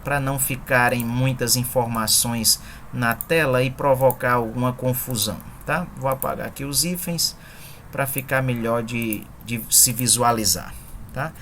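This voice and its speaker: A woman with a low voice explains poetic meter in an online lesson. She is patient and methodical and counts syllables aloud one by one, over a faint background hiss. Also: fairly bright tone. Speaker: poetry teacher.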